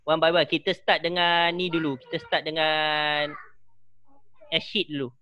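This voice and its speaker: A man's voice: on the high side, flat delivery, unhurried, sharp tone, slight background noise. A man, a rapper, co-hosting a casual live stream and explaining with many repeated starts. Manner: hesitant, repeats words while explaining.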